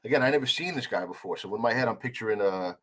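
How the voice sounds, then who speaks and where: A man as a podcast guest, telling a heated story in a casual conversation, with some swearing. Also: lowish voice. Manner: fast, animated, swearing, retelling a confrontation.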